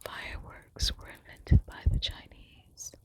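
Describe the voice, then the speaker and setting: Casting: female ASMR presenter, fully whispered librarian-style hush, unhurried, deliberate reading of facts. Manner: librarian-like hushed whisper, unvoiced.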